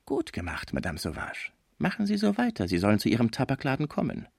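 A man voicing a cold, scheming male lawyer who speaks in a hushed, calculating way. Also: medium pitch, wildly swooping pitch, fast talker, vocal fry, no room sound, clean studio sound, voice pushed up, heavily acted.

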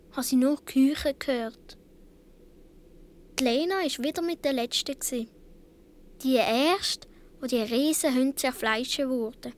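In a radio play, a woman with a high voice plays a Swiss boy of seven or eight, telling his story earnestly in a Swiss German accent. Her acting is light, and the mood is earnest and tense.

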